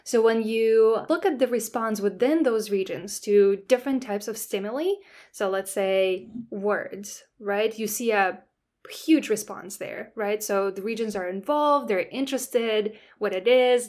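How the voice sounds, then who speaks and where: A woman guest in an interview, patiently explaining her research in a relaxed way, often checking in with "right?". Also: mid-range voice. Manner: explains patiently, with frequent "right?" and "that kind of stuff". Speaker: scientist guest.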